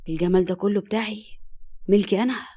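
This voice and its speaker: A woman's voice: mid-range voice, fairly even intonation, fast talker, dark tone, natural voice. A woman with an Egyptian accent voicing a joking, affectionate young husband in cheeky banter, close to her own voice. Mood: tender.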